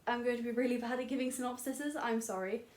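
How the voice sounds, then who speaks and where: Talking fast in a high-ish, steady, slightly mellow voice, a young woman discusses books on camera in her bedroom. The booktuber rambles, pokes fun at herself, and uses plenty of fillers.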